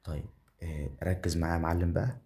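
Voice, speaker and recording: A young man with an Egyptian Arabic accent giving hyped commentary on his own betting game, repeating phrases and breaking into excited bursts. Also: low voice, fast. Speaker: betting channel host. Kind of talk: gambling live commentary.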